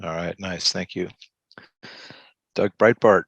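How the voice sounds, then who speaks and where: Low-voiced man hosting a video call. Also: vocal fry, no room sound, dull audio. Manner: relaxed, halting, many fillers. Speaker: host of a group video call. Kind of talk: casual group check-in.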